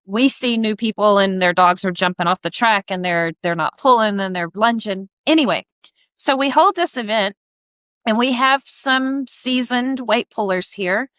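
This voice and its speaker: Bright-voiced woman telling a story. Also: medium pitch, dry recording. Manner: animated, acts out what people said. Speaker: guest, harness business owner. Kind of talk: casual storytelling.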